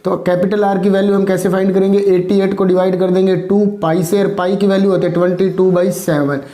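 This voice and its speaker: A man's voice: high-pitched, level tone, a little fast, warm tone, roomy sound. A male maths teacher working through problems step by step, asking and answering his own questions. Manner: explains with repeated rhetorical questions.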